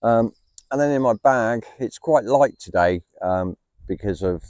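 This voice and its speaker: A vlogger chats casually outdoors in the countryside, rambling with many ums and "essentially"s, and background noise is clearly audible. His voice is on the low side and darkish in tone, with lively intonation and an unhurried pace, in a dry recording.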